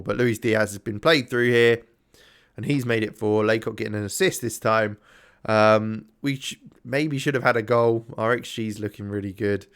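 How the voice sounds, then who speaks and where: A man's voice: lowish voice, fairly bright tone. A man casually commentating his own game, thinking aloud with lots of ums, tired and yawning. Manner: rambling, self-chatting, thinks aloud with many ums. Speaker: gaming YouTuber. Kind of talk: casual let's-play commentary.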